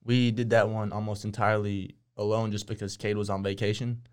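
Guy from waco, flat even voice, just telling it plainly. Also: on the low side, fairly quick, clean tone. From Waco, Texas. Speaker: guest, painter. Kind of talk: casual interview chat.

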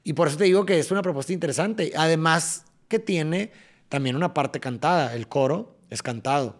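A man with a Mexican Spanish accent and a voice on the high side talks fairly quickly as a podcast guest. In this casual interview chat he eagerly explains his songwriting, often restarting sentences and tapping out rhythms.

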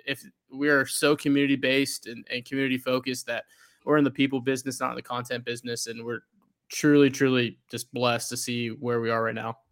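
A man of middle pitch talks as a guest in a relaxed podcast chat. He speaks earnestly but haltingly, often restarting and repeating words before he finds his point. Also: clean tone. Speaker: podcast guest, fan media creator. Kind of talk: casual podcast interview.

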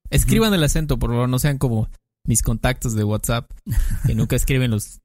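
A man co-hosting a podcast, playfully explaining Spanish grammar in casual chat, with quick examples. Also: medium pitch, a little mellow, dry recording, clean studio sound. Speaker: podcast co-host teaching Spanish. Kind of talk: casual language lesson chat.

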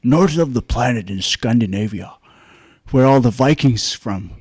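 Brief: Swedish-accented young man, mellow and dry, easygoing guest who trails off into fillers. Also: mid-range voice, breathy edge, no room sound. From Sweden. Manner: relaxed, halting, many "you know" fillers. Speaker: guest, dancer and musician. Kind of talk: casual interview conversation.

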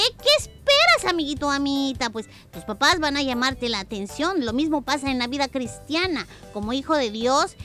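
A woman co-hosting a children's program, speaking directly to young listeners in an animated, chatty, advisory way. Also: high-pitched. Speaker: children's show co-host. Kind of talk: conversational moral advice to child listeners.

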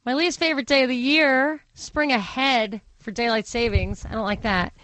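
A woman's voice: on the high side, steady tone, normal speed, fairly bright tone, no room sound, rough recording. A woman with a Brooklyn accent hosting a radio talk show, speaking conversationally and thinking aloud in opinionated digressions. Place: radio studio. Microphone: close studio microphone.

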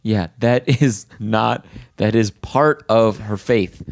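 A man acts out an indignant father who won't back down. His voice is low and gravelly, and he presses each point in a combative, insistent way. It is recorded close and dry. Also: slow pace, no echo. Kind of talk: improv sketch.

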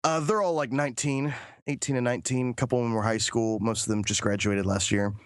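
A man co-hosting a podcast, chatting casually and telling animated anecdotes. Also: medium pitch, quick pace, dry recording, studio quality. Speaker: podcast co-host. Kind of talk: casual chat.

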